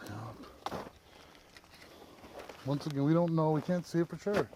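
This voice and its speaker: A man's voice: on the high side, slow pace, noisy background. A man vlogging casually on a hike outdoors, out of breath and breathing heavily as he talks. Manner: heavy, labored breathing. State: out of breath from hiking. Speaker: outdoor Bigfoot researcher and vlogger. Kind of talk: casual vlog narration while hiking. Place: outdoors in woodland on a hiking trail.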